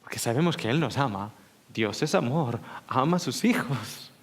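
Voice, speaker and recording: A male preacher giving a seminar sermon. He speaks with emotion, asks listeners direct questions and sinks into slow, hushed whispers for emphasis. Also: medium pitch, animated.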